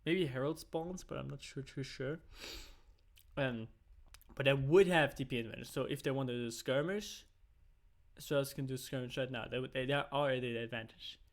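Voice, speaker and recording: Rambling excitable male esports caster. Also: mid-range voice, moderate pace. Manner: rambling, self-correcting, bursts into excited shouts during fights; swears and jokes casually. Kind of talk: casual live game commentary.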